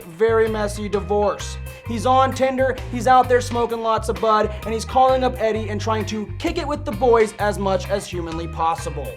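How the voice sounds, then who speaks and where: A woman's voice: fairly high pitch, lightly acted. A woman playing an earnest sports co-commentator, emphatic and mock-serious, in a comedy sketch.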